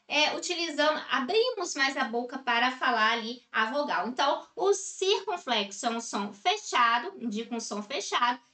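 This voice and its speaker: A woman from Brazil gives a recorded grammar lesson in a bright, fairly high voice. She explains at an unhurried pace and keeps checking in with short tag questions. The room around her sounds echoey. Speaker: teacher.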